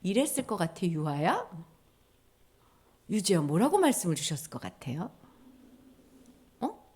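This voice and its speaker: A woman giving a children's sermon at church, telling the story with animated voices and dramatic shifts. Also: lowish voice, measured pace, slightly rough.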